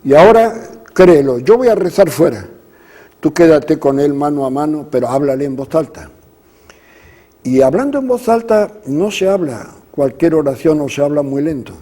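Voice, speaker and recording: Male priest, fairly high mellow voice, earnest slow-paced storytelling. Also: sing-song. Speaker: Jesuit priest. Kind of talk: spiritual talk with storytelling.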